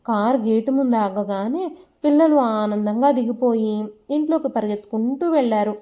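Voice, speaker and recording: Female storyteller, high-ish voice, steady emotive read, muffled recording. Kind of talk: scripted story narration.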